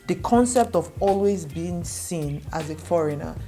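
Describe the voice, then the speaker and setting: A young Nigerian woman whose native language is Igbo speaks straight to the camera in an advice vlog, earnestly reassuring her viewers and repeating points to stress them. Her voice is lowish and warm, with lively intonation and a measured pace, over soft background music.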